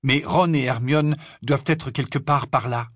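A man's voice: mid-range voice, fairly even intonation, normal speed, a bit bright, no echo, studio quality, voice pushed up, lightly acted. Harry Potter, a man voicing an urgent teen wizard. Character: teenage boy wizard, tense and hurried.

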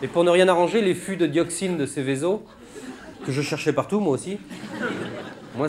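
A man's voice: mid-range voice, background noise. A man performing a stand-up monologue on stage, rambling through sardonic, mock-indignant asides. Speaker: stand-up comedian. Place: stage before a laughing audience.

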